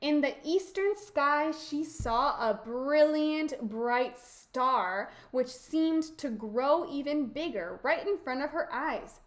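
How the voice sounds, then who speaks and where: Woman teacher, storybook reading, expressive, emphatic, high voice, slow. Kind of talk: storybook read-aloud.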